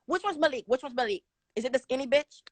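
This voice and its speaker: A young woman calling in to a livestream, roasting the hosts in a rapid-fire, profane, mocking rant. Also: high-pitched, animated, no echo. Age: young adult. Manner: rapid-fire crude insults, aggressive and mocking. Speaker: caller on a livestream.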